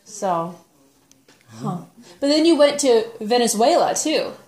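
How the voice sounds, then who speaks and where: A woman with a fairly high voice asks questions in a casual, homemade interview. The room is very echoey, and her delivery is plain and conversational. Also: big pitch swings, takes it slowly, a little mellow. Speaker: interviewer asking a relative about his past. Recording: echoey room, home recording.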